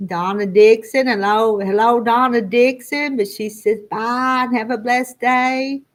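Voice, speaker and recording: A woman's voice: fairly high pitch, fairly even intonation, a little slow. A woman in her sixties with a rural Southern Ozark country accent, chatting casually to live viewers as host in a folksy, rambling, homespun way. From Arkansas Ozarks foothills, United States. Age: 60s. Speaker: livestream host.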